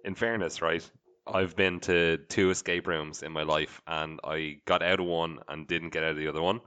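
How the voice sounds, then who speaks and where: Deep, bright-toned man on a dull mic. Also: steady tone, normal speed, clear, resonant tone. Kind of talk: casual chat.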